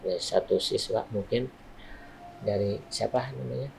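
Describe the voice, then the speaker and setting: A man's voice: lowish voice, normal speed, creaky, darkish tone, slightly rough. A man teaching a recitation lesson to students in a school studio, explaining patiently with frequent "ya" tags.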